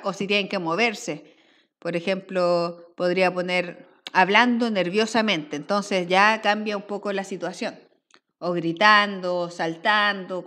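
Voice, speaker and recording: A woman's voice: medium pitch, fairly bright tone. A woman teacher giving a recorded language lesson, explaining step by step and often checking in with her students.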